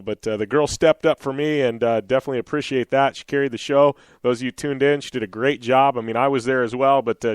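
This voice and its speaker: A medium-pitched male radio host chats in a loose, rambling way, with many "you know"s and restarts. There's a slight rasp from a cold, but the voice is still smooth and resonant, captured close and dry without any echo.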